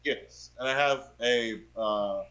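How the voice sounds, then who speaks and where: A man talking casually as a player in a tabletop game, halting but insistent. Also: medium pitch, sharp tone.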